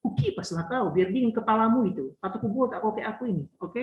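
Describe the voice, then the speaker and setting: A man's voice: high voice, animated, fast talker. A man teaching English in a casual, teasing online lesson, repeating phrases as he goes. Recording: roomy, dull lo-fi.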